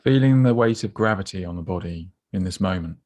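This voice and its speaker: With a low voice, a man talks listeners through a body scan, his manner gentle, patient and instructive. He leaves quiet gaps between each phrase.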